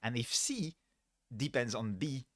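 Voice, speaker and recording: A man's voice: medium pitch, lively intonation, a little slow, no room sound, studio quality. A tired man live-streaming his coding work on a headset microphone, thinking aloud step by step and correcting himself mid-sentence as he explains. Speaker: livestreaming programmer. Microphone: livestream headset mic.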